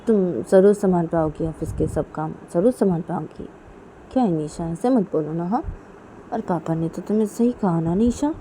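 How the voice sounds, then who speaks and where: A woman's voice: lowish voice, normal speed, dark tone, a little hiss or hum, lightly acted. A woman voicing a young woman who scolds insistently. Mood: scolding.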